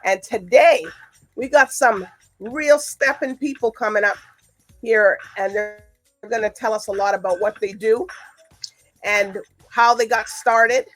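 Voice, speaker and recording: A woman's voice: fairly high pitch, unhurried, soft background music. A woman hosting a casual chat show in a chatty, rambling, easily amused manner. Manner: chatty, rambling, laughs often. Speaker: show host.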